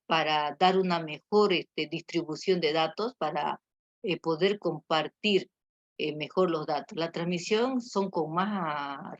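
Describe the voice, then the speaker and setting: A woman's voice: sits low, dry recording. A woman teacher giving a class lecture, with many fillers and tag questions. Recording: muffled lo-fi audio.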